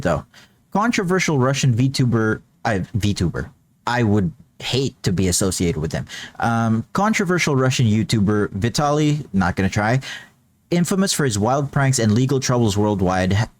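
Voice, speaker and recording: A man's voice: medium pitch, a little mellow, dry recording. A man with a Filipino accent giving casual, blunt reaction commentary as a streamer, swearing freely and slipping into Tagalog. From Philippines. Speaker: VTuber streamer reacting to news.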